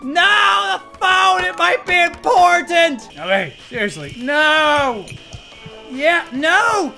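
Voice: very high-pitched, animated, slow pace, gravelly, sharp tone, faint music behind, exaggerated voice. A performer voicing a tusked walrus character who hosts game videos and yelps and shrieks at the game in playful commentary. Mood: excitable. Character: excitable tusked walrus gamer. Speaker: gaming video host. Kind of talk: let's play commentary.

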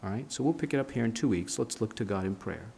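A man's voice: lowish voice, expressive, fast talker, vocal fry, warm tone, a little hiss or hum. A man in his fifties, a pastor preaching a sermon at a church pulpit with emphatic, gesturing delivery. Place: church sanctuary, standing at a pulpit. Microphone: pulpit mic, filmed by a fixed camera.

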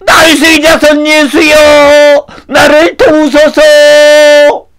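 Pastor putting on a squeaky, desperate blind beggar for a kids' puppet show, slow and loud. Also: male voice, steady tone, clear, resonant tone. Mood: crying out. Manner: cries out desperately, voice strained high. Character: poor blind beggar man, pleading and eager.

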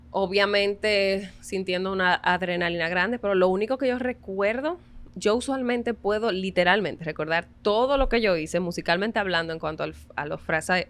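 A young woman with a Dominican accent, a guest violinist telling her story in a relaxed interview, animated and earnest, often laughing. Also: fairly low pitch. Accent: Dominican Spanish. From Dominican Republic.

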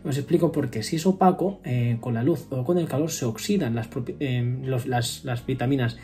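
Mellow-voiced man explaining nutrition tips. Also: medium pitch, normal speed. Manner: explains step by step, frequent fillers and self-corrections. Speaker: nutrition vlogger. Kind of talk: casual explanatory vlog. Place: home room with wooden ceiling, indoors.

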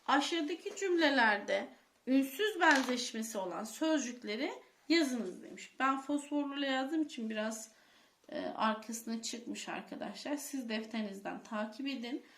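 High-voiced woman teaching pupils in an echoey room. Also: expressive, normal speed, a bit bright, a little hiss or hum. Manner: addresses pupils as friends, repeats key points, asks quiz questions. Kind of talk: classroom lesson for children.

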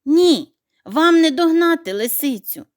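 A woman's voice: high voice, animated, unhurried, a little mellow, voice pushed up. A woman voicing a brave, loyal young male dog who speaks urgently and eagerly.

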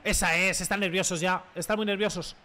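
Excitable young man commentating a football game. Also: high-pitched, brisk, a little hiss or hum. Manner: excitable, slangy, shouts at goals. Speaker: gaming youtuber. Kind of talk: live gameplay commentary.

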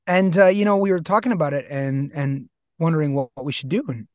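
A man's voice: fairly high pitch, fairly quick, no echo, clean studio sound. A man co-hosting a podcast in casual chat, playful and jokey, from North America. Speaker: podcast co-host.

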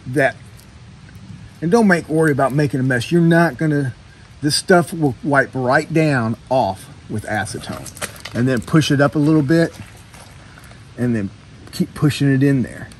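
A man's voice: medium pitch, expressive, unhurried, pauses often, slight background noise. A middle-aged man in a boatyard, talking plainly through a hands-on boat repair as he works under the hull. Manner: plainspoken, hands-on explaining while working. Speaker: boat owner showing repair work. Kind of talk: casual how-to narration.

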